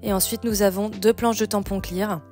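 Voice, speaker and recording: A woman's voice: medium pitch, steady tone, moderate pace, a little mellow. A woman hosting a casual, chatty step-by-step craft tutorial, thinking aloud as she goes. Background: background music.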